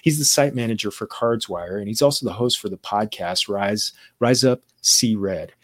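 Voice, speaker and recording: Recorded dry, a man with a fairly low voice at normal speed hosts a casual interview podcast. He keeps slipping Spanish words into his English and uses many fillers.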